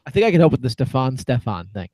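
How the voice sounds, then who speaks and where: A man's voice: fairly high pitch, big pitch swings, racing, warm tone, dry recording. A man co-hosting a casual sports podcast, rambling through stories and laughing at his own jokes. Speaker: podcast co-host.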